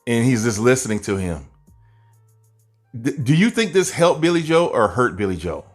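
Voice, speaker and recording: A man with a mid-range voice walks viewers through fight footage in an animated manner. He peppers his breakdown with rhetorical questions and chuckling asides. Faint music plays underneath. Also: mid-range voice, moderate pace. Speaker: boxing commentator. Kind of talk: video breakdown commentary.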